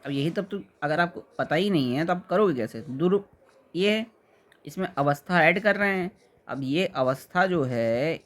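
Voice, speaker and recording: A man teaching a spelling lesson for exam students, with a voice pitched a bit above most men's. He explains patiently, says each word slowly more than once and keeps checking that his students are following.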